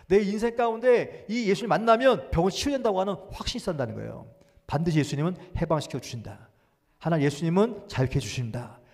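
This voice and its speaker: A man preaching a Sunday sermon as pastor. He moves between loud, urgent exhortation and quiet musing, acts out inner thoughts in a small voice, and drops in short English phrases. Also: on the high side, vocal fry. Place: church sanctuary. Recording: long church reverb.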